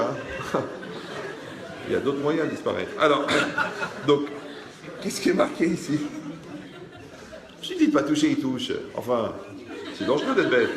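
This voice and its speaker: A man's voice: mid-range voice, heavy background noise. A man teaching a religious class, with a mid-range voice that rings through an echoey room. He mixes moral lessons with jokes and turns to address his listeners directly. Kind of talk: religious class lecture with humorous anecdotes.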